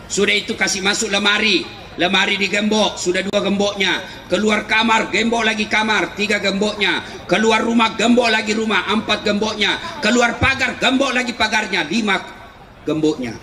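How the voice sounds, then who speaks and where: A middle-aged man preaching a comic sermon, animated, often shouting and laughing through his punchlines. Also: high-pitched. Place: large hall with a live audience. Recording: echoey hall, faint crowd and noise.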